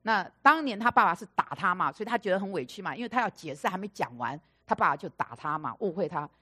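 A woman delivers a sermon as a string of stories, her voice sitting a little low. She repeats key phrases for emphasis and slips into the voices of the people she describes. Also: fast talker, breathy edge. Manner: animated storyteller, acting out quoted dialogue. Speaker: preacher. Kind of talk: storytelling sermon.

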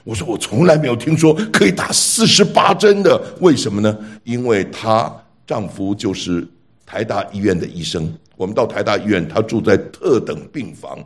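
A man preaching a sermon through a personal story, with an animated delivery, rhetorical questions and stammered restarts. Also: on the low side, normal speed, husky.

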